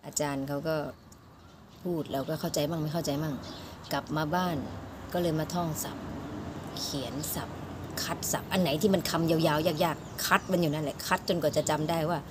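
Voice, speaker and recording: A woman's voice: low voice, fairly even intonation, a little fast. A young woman telling the candid, self-mocking story of how she learned a language, laughing often. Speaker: guest telling her story. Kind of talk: personal storytelling. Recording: audible background noise.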